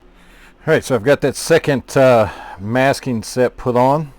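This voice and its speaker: A man casually narrating his scale model painting, talking in a relaxed, rambling way with many fillers. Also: medium pitch, a little slow, no room sound. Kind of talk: casual hobby tutorial narration.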